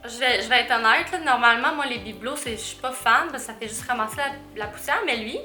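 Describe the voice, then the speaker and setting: A young Québécois woman gushes and exclaims as she opens packages, her voice high and bright. The sound is roomy and echoey, with a little music underneath. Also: fast talker. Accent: Québécois French. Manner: gushing, excitable, exclamatory. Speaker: vlogger. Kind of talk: unboxing chat to camera. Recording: roomy echo with faint music.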